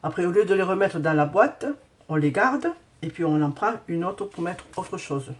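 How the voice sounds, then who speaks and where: A woman's voice: on the low side, lively intonation, normal speed. A woman hosting a casual craft tutorial who hesitates often with fillers while she sorts beads and talks to viewers.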